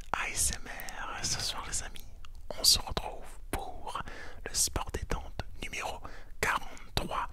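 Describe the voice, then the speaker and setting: A man whispers softly and intimately, right in the listener's ear, as he hosts an ASMR sports debrief. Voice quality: soft unvoiced whisper throughout. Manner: close, intimate, right-in-your-ear delivery. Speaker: ASMR video creator and host.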